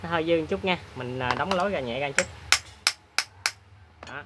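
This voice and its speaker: A man hosts a hands-on repair demonstration, talking in a chatty, plain-spoken way with many filler pauses. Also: on the high side, heavy background noise. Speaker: repair tutorial host.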